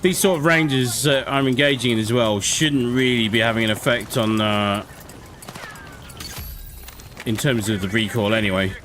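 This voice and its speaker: A man's voice: medium pitch, fairly even intonation, moderate pace, long pauses, fairly bright tone. A man giving casual live commentary as he plays a shooter game. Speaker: video game streamer. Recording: game noise behind the voice. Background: shooter game sound effects.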